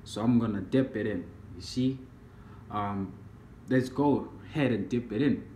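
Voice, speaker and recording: A young man from the United States talking casually to a phone camera in a vlog, slow and drawling, often trailing off. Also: mid-range voice, warm tone. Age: young adult. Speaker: vlogger. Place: small room indoors. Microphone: phone camera at arm's length. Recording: roomy phone recording, faint hiss.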